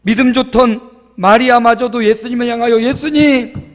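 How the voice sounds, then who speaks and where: High-voiced pastor preaching in a reverberant church. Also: male voice, moderate pace. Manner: animated storytelling, acts out groans and quotes. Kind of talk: sermon. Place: church sanctuary.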